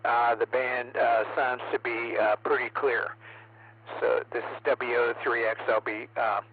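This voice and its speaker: A man making an amateur radio net announcement over a two-way radio, halting with frequent hesitations. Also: mid-range voice, level tone. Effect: heard over a two-way radio transmission. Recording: tinny narrowband radio signal.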